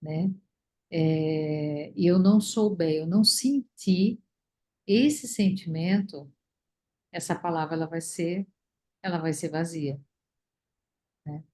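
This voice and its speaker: A woman leading a study group, talking reflectively with many pauses and fillers over a video call. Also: on the low side, mellow. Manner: thoughtful, many fillers and restarts.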